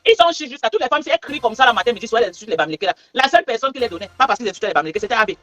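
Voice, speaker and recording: Brief: high-pitched woman, breakneck scolding rant, mocking taunts. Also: animated, racing, bright, forceful tone. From Cameroon. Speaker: social media livestreamer. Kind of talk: angry live rant.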